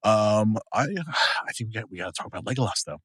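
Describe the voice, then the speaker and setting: A man with a lowish voice chats quickly on a casual podcast, a little tipsy and slurring at the edges. He rambles, restarts and fills gaps with "uh" and "um". The sound is close and dry. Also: expressive, fairly bright tone, slightly rough, no echo. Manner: rambling, many restarts and fillers. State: a bit tipsy, slurring slightly. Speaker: podcast co-host. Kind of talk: casual chat.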